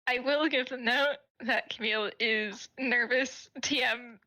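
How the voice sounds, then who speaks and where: A woman's voice: on the high side, fairly even intonation, a little slow, pushed and bright, rough recording. A woman playing a tabletop game, often laughing as she describes her character. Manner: laughs through her lines. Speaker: player. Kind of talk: casual tabletop chat.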